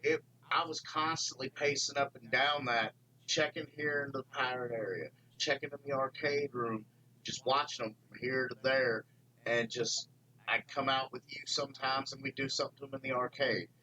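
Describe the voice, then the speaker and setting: Bright-voiced man, blunt chat. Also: mid-range voice, fairly even intonation, normal speed, poor audio. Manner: blunt, swears freely. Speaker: haunted house actor. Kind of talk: casual chat.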